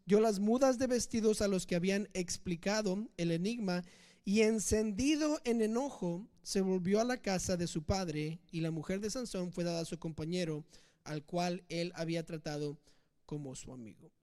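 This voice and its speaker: A man's voice: sits high, moderate pace, warm tone. A man teaching from the Bible, telling the story casually and asking rhetorical questions. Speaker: preacher.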